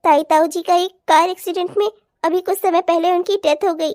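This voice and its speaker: A woman's voice: very high-pitched, steady tone, normal speed, a little mellow, dry recording, studio quality. A woman voicing a troubled young bride in a cartoon, speaking with anguish. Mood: grieving. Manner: emotional, anguished. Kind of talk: cartoon voice acting.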